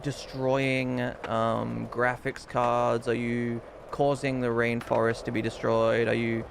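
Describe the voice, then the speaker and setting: A male streamer in casual live-stream chat, blunt and quick to swear. His voice has a gravelly edge. Steady noise runs under the home recording. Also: medium pitch. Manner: blunt, swears when annoyed.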